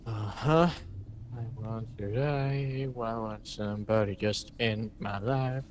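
A man from Denmark, a co-player in casual gameplay chat, deadpan with gloomy dark humor. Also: fairly low pitch, takes it slowly, a little hiss or hum.

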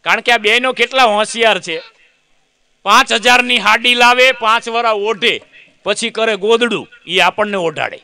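A man's voice: sits high, moderate pace, sharp tone, clean tone, no echo. A man doing a comic monologue, telling a chatty story, acting out other people's lines and teasing the audience. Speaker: comedian.

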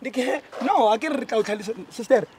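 A South African man hosting a street vlog, loud and pushy as he questions people about a debt. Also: very high voice, brisk, a little hiss or hum. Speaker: vlog host confronting a debtor. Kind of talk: street confrontation vlog, mixing languages.

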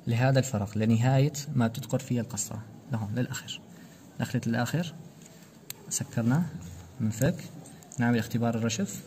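Rapid-fire man giving a medical demo. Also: medium pitch, dark tone, a little hiss or hum. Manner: rapid explanatory, asks students rhetorical questions. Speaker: anesthesia lecturer. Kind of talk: practical medical demonstration.

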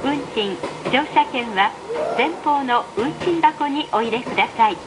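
A woman with a high-pitched voice reads a scripted announcement over the speakers inside a moving train. Her delivery is formal, unhurried, and evenly enunciated. The train's PA system carries clear running noise in the background.

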